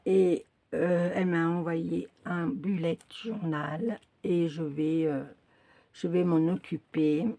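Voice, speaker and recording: A woman's voice: on the low side, flat delivery, takes it slowly, dark tone. A woman chatting casually in a craft video, her speech slightly impeded by braces and mouth sores, hesitating and articulating with effort. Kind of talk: casual unboxing chat.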